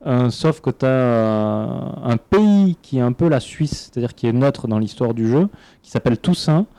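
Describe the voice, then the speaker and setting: A man's voice: medium pitch, expressive, normal speed, mellow. A man on a gaming podcast panel, talking casually and enthusiastically, often repeating words as he searches for them. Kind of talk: casual chat.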